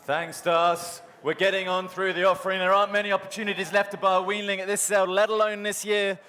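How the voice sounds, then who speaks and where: A man's voice: sits high, flat delivery, fast talker, sharp tone, smooth. A man working as an auctioneer at a live sale, calling bids in a rhythmic, repetitive chant. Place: large sale arena. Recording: hall reverb from sale ring PA.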